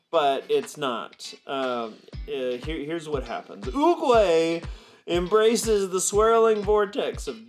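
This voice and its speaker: A young man co-hosting a student ministry video in casual chat, reading a story aloud and then teaching. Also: mid-range voice. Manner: upbeat, reads a choose-your-path story aloud.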